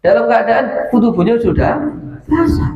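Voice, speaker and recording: A man teaching a kitab study lesson at a boarding school, explaining an Arabic text line by line with lively asides. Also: very high voice, unhurried, soft background music. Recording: echoey room, dull lo-fi sound, faint room hum.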